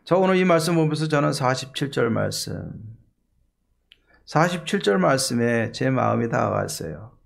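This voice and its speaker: A man's voice: mid-range voice, animated, moderate pace, creaky. A male pastor preaching an early morning sermon, emphatic and full of rhetorical questions.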